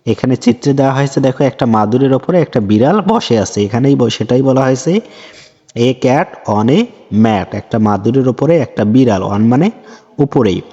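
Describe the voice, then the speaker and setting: A man teaching a children's English lesson, explaining words slowly and patiently and repeating each one. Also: medium pitch, expressive, dark tone. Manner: slow, patient, repeats each word and meaning. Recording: dull lo-fi sound with long reverb.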